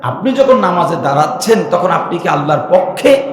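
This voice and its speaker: Male preacher from Bangladesh, slightly high voice, booming echo, questions the congregation. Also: lively intonation, a little fast. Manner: asks the crowd questions and has them repeat words. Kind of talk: Islamic sermon (waz) to a mosque congregation. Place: mosque hall. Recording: very echoey hall.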